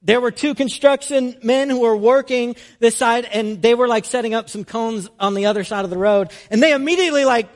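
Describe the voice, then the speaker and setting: High-pitched young man, preacher, conversational sermon, storytelling, lots of "like" fillers. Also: brisk, few pauses.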